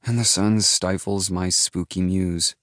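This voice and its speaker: A man voicing a sardonic young woman horror writer in an audiobook, with a soft, teasing manner. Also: deep voice, steady tone, a little slow, dry recording, studio quality. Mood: wry. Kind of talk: audiobook character voice.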